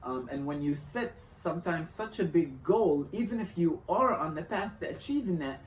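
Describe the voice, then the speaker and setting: A young man from Syria talking through a reflective motivational vlog, halting and restarting often as he thinks aloud. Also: on the high side, animated, far from the mic, slight background noise. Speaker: vlogger. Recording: roomy echo, off-mic, faint ambience.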